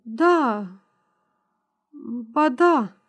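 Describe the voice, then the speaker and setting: A woman voicing a frightened, guilty young man in an audiobook, speaking in a hoarse, faltering murmur. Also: high-pitched, expressive, voice pushed up. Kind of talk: audiobook reading.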